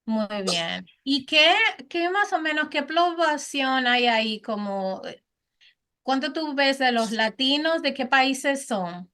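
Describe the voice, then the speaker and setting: A woman's voice: high voice, animated, takes it slowly, bright, forceful tone. A woman hosting an interview podcast, chatty and informal, asking rambling stacked questions. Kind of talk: casual interview.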